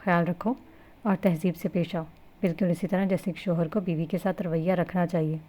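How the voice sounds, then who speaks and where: Calm, firm older father for a novel reading, voiced by a woman. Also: lowish voice, natural voice. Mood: fatherly. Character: concerned older father, gentle but firm.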